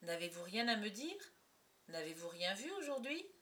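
A woman's voice: medium pitch, sing-song, moderate pace, bright, forceful tone, distant mic, slight background noise. A woman voicing an aging actor playing a fussy sick father, with a frantic, wailing, stagy lament, in a storybook reading. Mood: stern.

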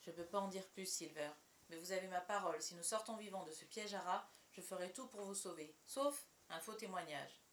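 A woman voicing a calm, dutiful middle-aged male ship's doctor who speaks measured and earnest. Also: lowish voice, a little hiss or hum, natural voice.

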